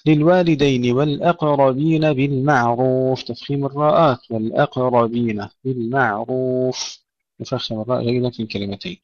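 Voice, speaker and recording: A man teaching tajweed, reciting verses slowly and then explaining the rules plainly to his listeners. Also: medium pitch, fairly even intonation, a little mellow, no echo. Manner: addresses listeners as brothers. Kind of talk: tajweed lesson with recited examples. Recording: dry, dull lo-fi recording.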